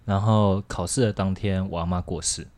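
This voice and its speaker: A man's voice: low-pitched, fairly even intonation, normal speed, darkish tone. A young man with a Taiwanese Mandarin accent, telling a personal story in a casual, rambling way on a chat show. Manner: candid, rambling, frequent restarts and laughs.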